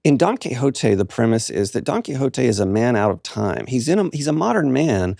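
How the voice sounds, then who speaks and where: A man's voice: mid-range voice, very animated, a little fast, gravelly, mellow, no room sound, studio quality. A man hosting a podcast conversation, explaining his thoughts in an easy, reflective way. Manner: thoughtful, explaining, laughs often. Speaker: podcast host. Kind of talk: casual conversation.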